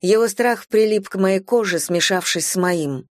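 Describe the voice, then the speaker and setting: A woman narrating a fantasy novel in the first person, in a measured storytelling manner. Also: mid-range voice, no room sound, studio quality. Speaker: audiobook narrator. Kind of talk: scripted narration.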